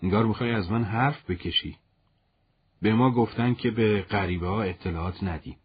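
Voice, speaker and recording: A man's voice: on the low side, slightly rough, muffled recording. A man voicing an earnest, touchy young male volunteer soldier in a storybook reading. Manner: indignant, protective of his commander.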